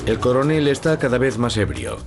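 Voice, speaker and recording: A man narrating a documentary in a measured, serious storytelling manner. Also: medium pitch, big pitch swings. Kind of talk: scripted narration. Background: background music.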